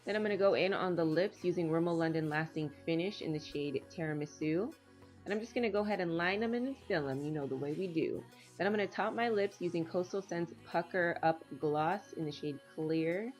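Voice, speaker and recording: A woman's voice: on the low side, brisk, soft background music. A woman with a nasal, allergy-stuffed voice, chatting her way step by step through a makeup tutorial voice-over. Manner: chatty, relaxed step-by-step narration. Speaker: makeup vlogger.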